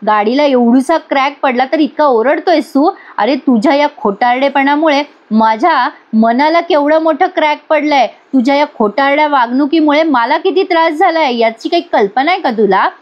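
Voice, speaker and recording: Feisty young woman sculptor voiced by a woman, indignant, scolding, high voice, dull lo-fi sound. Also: normal speed, hardly any pauses, close to an everyday voice. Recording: dull lo-fi recording.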